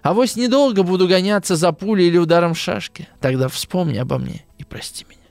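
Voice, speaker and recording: A man reading aloud the lines of a brooding young officer, in a measured, dramatic way. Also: high-pitched, darkish tone, no echo. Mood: solemn. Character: brooding young male officer, cold and manipulative.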